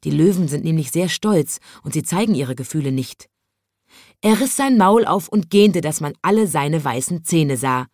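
A woman reading a children's story aloud in a calm, expressive way. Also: sits low, moderate pace, dry recording, studio quality.

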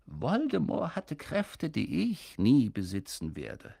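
A man voicing a gentle, wise elderly wizard headmaster in an audiobook reading, speaking softly and slowly. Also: mid-range voice, creaky, dry recording, studio quality, voice pushed up, heavily acted. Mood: calm. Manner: soft, calm, slow. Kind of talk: audiobook character voice.

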